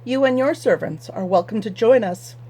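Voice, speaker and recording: A woman voicing a stubborn, pious farmer who speaks firmly and flatly in courtly old-fashioned words. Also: on the high side, moderate pace, slightly rough, pitched above the performer's own voice. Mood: firm courteous. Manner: firm, flat, stubborn. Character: stubborn, pious middle-aged male farmer.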